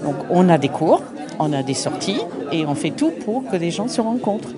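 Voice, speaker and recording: Crowd chatter fills the background as a middle-aged American association representative fields interview questions in English at a bustling open-day event. Her voice is lowish and sing-song, and her answers come haltingly, with frequent restarts while she searches for words.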